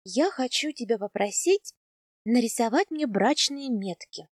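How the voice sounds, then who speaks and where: A woman plays a spirited young wife in a storybook, her voice lifted, bright and quick to flare up. She coaxes sweetly, then snaps back, and the sound stays dry and close. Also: fairly high pitch, animated, dry recording. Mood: pleading.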